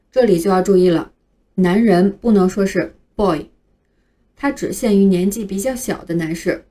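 A woman's voice: mid-range voice, mellow. A woman teaching English pronunciation in a scripted phonics lesson, carefully spelling out each word letter by letter. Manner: slow, careful spelling out of words.

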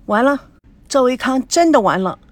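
A woman narrating a romance novel as an audiobook in an expressive, sing-song way. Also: high-pitched, moderate pace, no echo.

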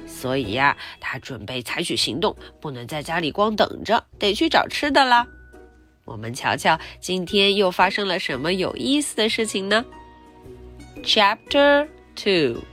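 Storyteller, young woman, unhurried, playful, swooping up and down, reads then explains for children. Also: lowish voice, sing-song, fairly bright tone, soft background music. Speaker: picture-book reader for children. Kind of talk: bilingual storybook read-aloud.

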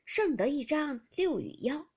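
A woman voicing a lively young lady's maid who runs a drinking game, talking in a brisk, playfully commanding way. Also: high-pitched, lo-fi sound, pitched above the performer's own voice, full character voice. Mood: explaining. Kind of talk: audiobook character reading.

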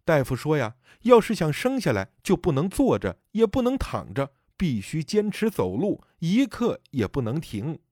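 A man voicing the grieving spirit of a dead elderly mother, speaking softly and sorrowfully. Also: on the high side, wildly swooping pitch, normal speed, hardly any pauses, no room sound, studio quality. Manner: soft, sorrowful pleading.

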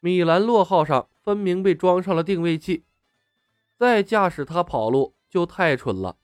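High, animated male audiobook narrator. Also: moderate pace, dry recording, studio quality, faint music behind. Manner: expressive storytelling.

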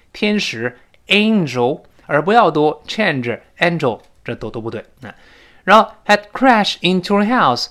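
A man teaching spoken English, explaining pronunciation and drilling phrases slowly over and over. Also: medium pitch. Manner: acts out quoted lines with raised excited voice.

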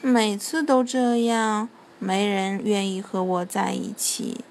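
A woman's voice: mid-range voice, a little hiss or hum. A woman doing a sad, sniffling little wolf cub. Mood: glum. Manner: mumbling, sniffling, slow and soft. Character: small sad lonely wolf cub, male.

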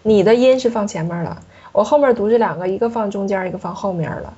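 A woman's voice: mid-range voice, fast talker, warm tone, slightly rough, dull audio. A woman French teacher giving a classroom pronunciation lesson, patiently asking her student questions and drilling sounds.

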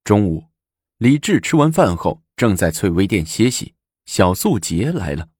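Lively husky male storyteller. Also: lowish voice, a little slow, no room sound, studio quality. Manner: lively, expressive reading. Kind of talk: storytelling narration.

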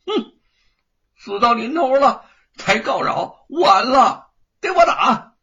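A man voicing an arrogant young rich master who sneers and shouts orders in a high, shrill voice. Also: lively intonation, slow, exaggerated voice. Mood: sneering shouting. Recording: dull lo-fi recording.

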